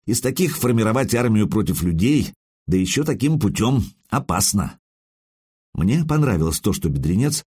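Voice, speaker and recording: A man narrating an audiobook in the first person, in an expressive, conversational way. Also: on the low side, husky.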